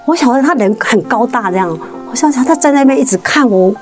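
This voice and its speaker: A woman tells her faith testimony in an earnest, halting way, restarting and repeating words and climbing higher when the story gets tense. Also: lively intonation, faint music behind. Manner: rises sharply in pitch at tense moments. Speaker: guest sharing a faith testimony. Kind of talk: emotional personal storytelling.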